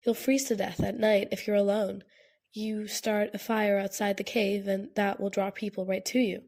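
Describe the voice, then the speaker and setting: A woman voicing a blunt, sharp-tongued young man in an audiobook, harsh and challenging. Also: mid-range voice, little pitch movement, normal speed, natural voice. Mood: pleading, harsh.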